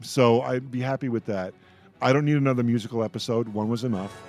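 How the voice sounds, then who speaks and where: A man hosts a radio roundtable, chatting in a loose, rambling way like a fan discussion and frequently stopping to repeat himself. His voice sits in the mid range with a darkish tone, and faint music plays in the background.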